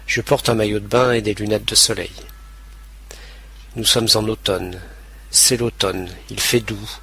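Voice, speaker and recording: A man reading scripted narration for language learners, slow and clearly enunciated. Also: lowish voice, steady tone, a bit bright.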